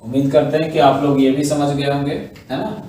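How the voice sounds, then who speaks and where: A man's voice: medium pitch, flat delivery, brisk, dark tone. A man teaching a shorthand class, explaining each step patiently and checking in with his students often. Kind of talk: online class lesson. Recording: echoey room, mic far off.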